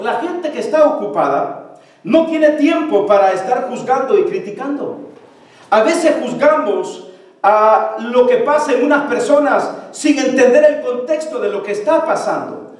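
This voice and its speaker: A man preaching a sermon, exhorting his congregation and repeating his points. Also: very high voice. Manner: repetitive, exhorting, addressing the congregation. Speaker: pastor. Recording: echoey hall from far off.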